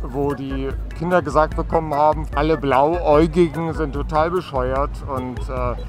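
A man's voice: a little high, fairly even intonation, normal speed, soft background music. A man rambling through a long explanation with fillers, outdoors at a street parade. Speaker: interviewee. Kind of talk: casual answers on the street.

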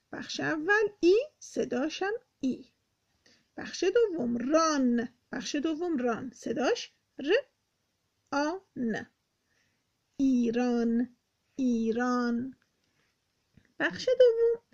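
A woman teaching beginners to read, breaking words into syllables and sounding out each letter slowly. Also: high-pitched, creaky. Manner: slow sound-by-sound spelling of words. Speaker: Persian teacher. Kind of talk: beginner reading lesson. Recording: dull lo-fi recording.

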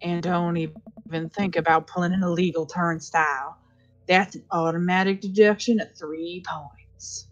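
A woman's voice: lowish voice, fairly even intonation, measured pace, voice pushed down, close to an everyday voice. A woman voicing a combative middle-aged film-snob man from a video game, blustering like a wannabe tough guy. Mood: threatening. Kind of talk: dramatic reading of visual novel dialogue. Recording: dull lo-fi audio with music behind.

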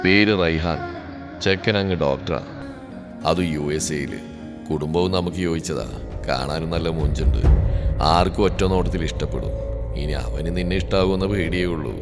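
Man voicing a stern older uncle, deep and low, firm and measured, slow, storybook reading. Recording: reverberant room with background music.

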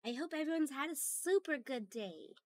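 A woman streamer, hoarse from a cold, chatting casually with her viewers and greeting them by name. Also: sits high, animated, moderate pace, no room sound, clean studio sound.

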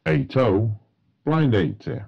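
Slow, gravelly male bingo caller. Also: mid-range voice, lively intonation, muffled recording. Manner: formulaic, matter-of-fact bingo caller delivery. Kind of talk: bingo calling, each number announced in a set phrase.

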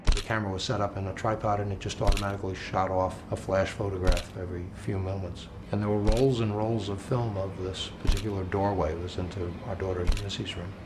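A man interviewed for a documentary, recalling events in a calm, conversational way. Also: low-pitched, fairly quick, hardly any pauses, noisy background. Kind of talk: interview recollection.

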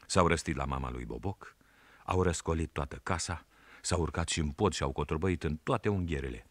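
A man narrating a historical story in a measured, storytelling manner. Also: extremely low pitch, no room sound.

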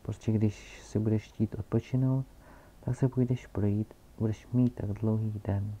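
A man reading a gentle curious little prince. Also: on the low side, fairly even intonation, natural voice. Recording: dull lo-fi recording.

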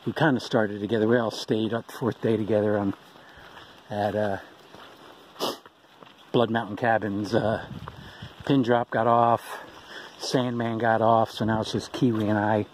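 A man's voice: lowish voice, flat delivery, a little slow, long pauses, poor audio. A middle-aged man vlogging while hiking a long trail, talking in a rambling, casual way with plenty of ums and uhs. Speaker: thru-hiker vlogger. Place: outdoors on a forest trail. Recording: outdoor noise behind the voice.

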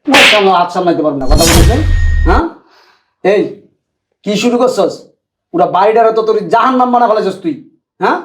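A man's voice: high-pitched, expressive, fast talker, pauses often, a bit bright. An actor playing a rude, hot-tempered young husband who rants at his wife and father-in-law in a short village drama. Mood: angry. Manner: angry, insulting tirades. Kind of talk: Bangladeshi short drama acting.

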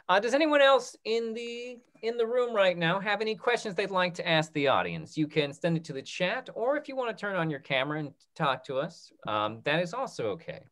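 A man in his thirties with a slightly high, fairly bright voice hosts a live question session for an online theatre talk back over a video call. He reads out comments in a halting way, restarting and repeating phrases. He's using a computer mic on the call.

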